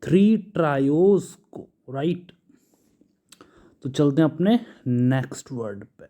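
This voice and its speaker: A man with an Indian English accent works through vocabulary lists in an unhurried, drawn-out way. His voice is notably dark and mellow, and he pauses patiently after each word. He sounds like a teacher explaining each term at a steady, careful pace. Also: a little high. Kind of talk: explaining English words in Hindi.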